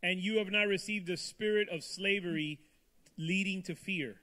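Bright, high-pitched male sermon interpreter. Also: measured pace. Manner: echoes the preacher phrase by phrase. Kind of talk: live consecutive interpreting of a sermon.

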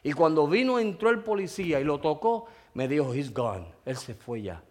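Male preacher, high-pitched voice, emotional storytelling sermon, calls out to the congregation. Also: big pitch swings, fairly quick.

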